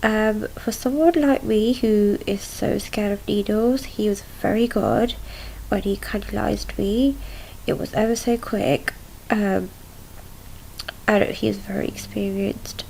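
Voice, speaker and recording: Young female diarist, lowish creaky voice, subdued and halting, casual recounting over noticeable noise. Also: steady tone, a little mellow, low-quality recording. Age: young adult. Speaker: patient recording a video diary. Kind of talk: casual video diary recounting events. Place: small room at home, indoors.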